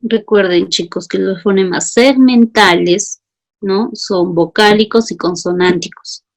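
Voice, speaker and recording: Woman teacher with a gravelly voice, reading out student answers and pressing for justifications. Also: medium pitch, a little slow. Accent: Peruvian Spanish. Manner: calls students by name, asks for justifications.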